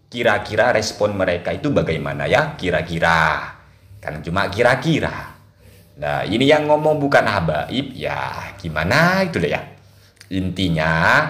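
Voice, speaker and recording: A man's voice: sits low, a bit bright, reverberant. A man giving casual video commentary in a mocking tone, laughing often and drawing out his exclamations.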